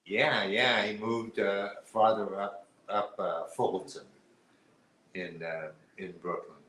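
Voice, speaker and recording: A man's voice: fairly low pitch, steady tone, takes it slowly, bright, forceful tone, echoey room, slight background noise, poor audio. A man co-hosting a casual live stream chat, rambling with lots of fillers and restarts. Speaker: co-host.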